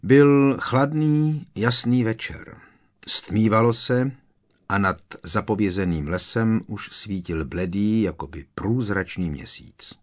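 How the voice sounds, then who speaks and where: A man reads a storybook aloud as narrator. His delivery is measured and expressive. The voice sits fairly low. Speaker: audiobook narrator. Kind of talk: scripted narration.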